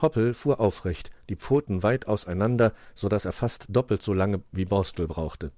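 A man's voice: on the low side, normal speed, no echo. A man reading a rhyming children's animal story aloud and giving each creature its own voice. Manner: lively storyteller voicing many animals. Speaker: narrator.

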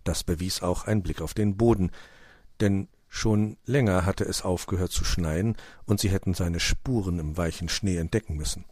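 A man narrating a children's storybook in a calm, low-key way. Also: moderate pace, dry recording.

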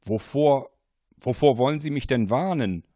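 A bewildered man in a spoken story fires back confused, defensive questions into a strange phone call, as a male narrator plays him. His voice rises above the narrator's usual low register. It is recorded dry and close. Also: animated, moderate pace, no room sound, natural voice.

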